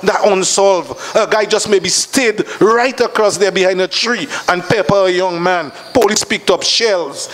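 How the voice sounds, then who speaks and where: A man's voice: high voice, unhurried, few pauses, a bit bright. A man with a Dominican accent speaking with emotion and urgency on a panel, calling people to action. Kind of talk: impassioned panel discussion.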